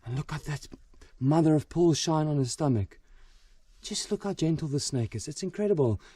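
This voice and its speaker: A man presenting wildlife to camera outdoors at night, full of wonder and often dropping to a hushed, gentle voice. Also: a little high, moderate pace, slightly rough, no echo, distant mic. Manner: awed, repeats exclamations of wonder. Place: outdoors at night in a forest by water.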